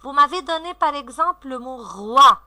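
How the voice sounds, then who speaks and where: A woman teacher gives a recorded reading lesson to young children, sounding out syllables slowly and clearly in a sing-song way. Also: high voice, animated, sharp tone. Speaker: primary school teacher.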